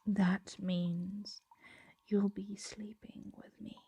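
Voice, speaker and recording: Heavily acted and calmly insistent, a woman voices a she-dragon who is both possessive and doting in an intimate ASMR scene. Her husky, medium-pitched delivery barely moves in pitch, stays soft and measured with frequent whispers, and has no room sound.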